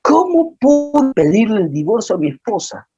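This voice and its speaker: A man voicing a remorseful young husband, nervous and tearful, with anguished, drawn-out pleas. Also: sits high, big pitch swings, highs cut off, music in the background, voice pushed up.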